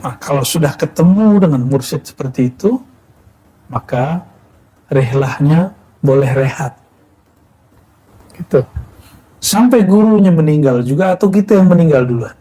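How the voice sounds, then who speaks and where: A man preaching a Sufi sermon in a plain, unhurried teaching manner, asking rhetorical questions and answering them himself. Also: on the high side, expressive, warm tone, breathy edge, low-quality recording. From Indonesia.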